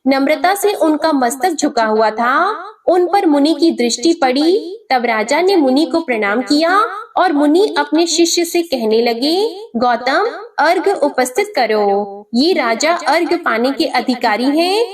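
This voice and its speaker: Woman narrator, high voice, steady scripted storytelling of a devotional tale, mic set a bit back. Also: a little slow, recorded from a distance.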